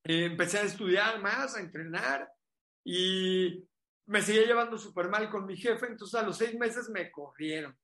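A man from Mexico with a Mexican Spanish accent, a motivational speaker telling an animated, emphatic story in a casual interview. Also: high voice, moderate pace, reverberant.

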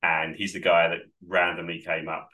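A podcast co-host still recovering from a cold rambles upbeat through a casual chat, correcting himself as he goes. His low voice is level and sharp at a moderate pace, and the recording is rough.

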